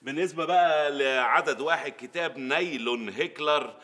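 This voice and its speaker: A sitcom lead, acting as a frazzled middle-aged dad, delivers sarcastic, exasperated lines that escalate into shouting rants. He speaks at a moderate pace, his voice sitting on the high side.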